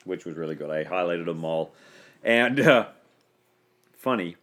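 A man's voice: sits low, animated, a little slow, a bit bright. A man hosting a casual podcast chat, joking and laughing often. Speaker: podcast host.

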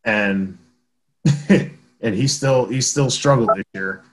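A man's voice: mid-range voice, slow. A man co-hosting a sports podcast in casual chat, rambling with frequent restarts and laughs. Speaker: podcast co-host.

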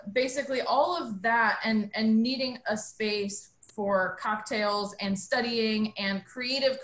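A woman's voice: medium pitch, fairly bright tone. Woman in a roomy echo telling her story. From New Mexico. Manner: earnest, storytelling, thoughtful pauses. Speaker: bar owner and guest. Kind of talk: interview conversation.

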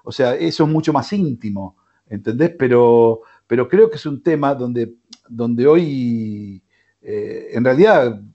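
A man's voice: medium pitch, animated, measured pace, dark tone, lo-fi sound. A man with an Argentine accent hosting a sports radio show, rambling with many fillers and restarts. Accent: Argentine Spanish. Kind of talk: casual sports radio talk. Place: radio studio.

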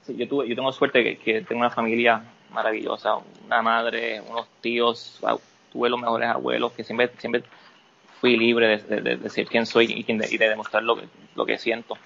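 A man, a podcast guest speaking candidly about personal matters, halting and restarting often. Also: mid-range voice, completely flat delivery, vocal fry, fairly bright tone, dull audio, slight background noise. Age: adult. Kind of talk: personal interview talk.

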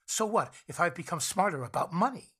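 A woman playing a bitter, haunted Scrooge in a radio drama, speaking in a halting, defensive, emotional way. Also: on the low side, expressive, a bit bright, breathy edge. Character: bitter, anguished Scrooge haunted by memories of the past.

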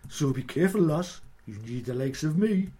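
A man's voice: on the high side, animated, moderate pace, warm tone, slightly rough. A man playing a fussy, cautious inner health and safety officer who issues warnings. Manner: warning, insistent.

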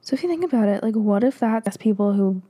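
A woman's voice: mid-range voice, lively intonation, fast talker, dark tone. A young woman hosting a solo podcast, chatting casually with lots of "like" and giggles, her voice slightly nasal. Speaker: podcast host.

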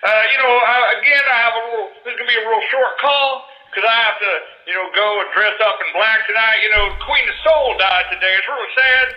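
A man's voice: high voice, quick pace, hardly any pauses. A man leaving a joking, rambling voicemail for a radio show, heard played back as a recorded message with many fillers. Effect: voicemail message played back on air. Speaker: caller. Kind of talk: casual voicemail. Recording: dull, echoey voicemail line.

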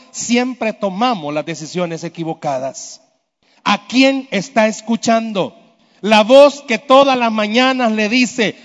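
High-voiced man preaching in a reverberant church. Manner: emphatic, with rhetorical questions to the congregation. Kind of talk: sermon. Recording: dull sound with long hall reverb.

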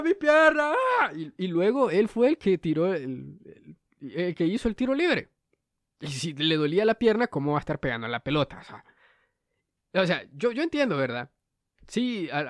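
A man's voice: on the high side, a little mellow, dry recording. A young man, hosting a podcast in a rambling, joking monologue full of fillers. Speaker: podcast host. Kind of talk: casual comedic monologue.

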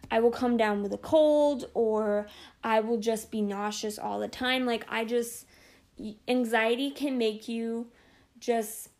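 A woman's voice: fairly high pitch, darkish tone. Chatty young woman hosting a podcast. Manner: chatty, lots of fillers like "like" and "you know"; open and personal. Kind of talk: casual solo talk.

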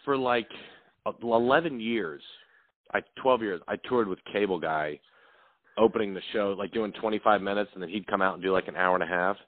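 Low-voiced guy chatting easy as a comedy guest, says dude a lot, dry tinny phone audio. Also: a little fast, dry recording. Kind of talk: casual storytelling chat.

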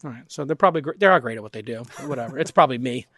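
Gravelly, rambling podcast host man. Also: mid-range voice, racing, dry recording. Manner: rambling, animated, swears casually. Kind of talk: casual conversational interview.

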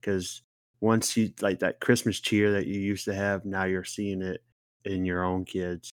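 A young man co-hosting a casual podcast, speaking in a relaxed, reflective way as he searches for words. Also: sits low, unhurried, clean tone, dry recording, studio quality. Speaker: podcast co-host. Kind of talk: casual chat.

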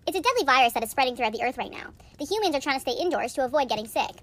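A woman's voice: high voice, expressive, rapid-fire, fairly bright tone, a little hiss or hum. A woman playing Santa's sensible elf helper in a comedy sketch, patiently explaining.

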